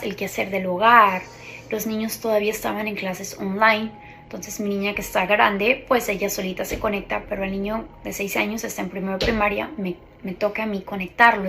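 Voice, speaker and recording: A woman in her thirties shares a personal faith testimony in an earnest, confiding tone. Her voice has a steady middle pitch with a gravelly fry running through it, and faint noise sits beneath it. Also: poor audio. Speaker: ministry coordinator.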